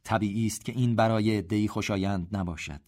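A man narrating a story in a steady, measured reading voice. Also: lowish voice.

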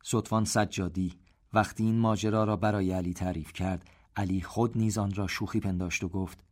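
A man narrating a story in a steady, measured reading voice. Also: deep voice.

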